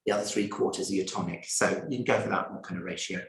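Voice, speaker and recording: A man's voice: low-pitched, fairly even intonation, rapid-fire, creaky. A man hosting a live online gin tasting over a video call, chatty and easygoing, talking to viewers by name. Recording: roomy echo on a video call.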